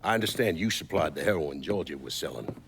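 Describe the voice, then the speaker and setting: An actor playing a blunt, coarse crime boss in a game scene, talking matter-of-factly. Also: male voice, a bass voice, animated, quick pace, creaky, a bit bright, a little hiss or hum, exaggerated voice. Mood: cold. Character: gruff older male mob boss, blunt.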